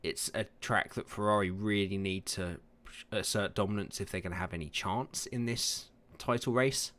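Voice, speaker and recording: A man's voice: lowish voice, moderate pace, fairly bright tone. A man hosting a casual racing podcast, laid-back and teasing, laughing often. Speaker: podcast host.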